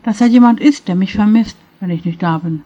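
A lonely, resigned woman, played by a woman reading the story speaks of feeling useless in a downcast way. Her lines come a bit louder than the surrounding narration. The recording is slightly muffled. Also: mid-range voice, fairly quick, close to an everyday voice. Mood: sad. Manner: sad, resigned.

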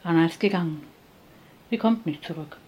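Gentle, soft-spoken man, read by a woman. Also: on the low side, normal speed, husky, poor audio. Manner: soft, calm. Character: gentle adult man, a tender friend.

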